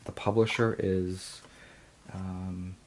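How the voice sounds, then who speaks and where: A man's voice: low voice, little pitch movement, takes it slowly, a little hiss or hum. A man casually reviewing and unboxing a tarot deck, hesitant, with frequent ums and restarts.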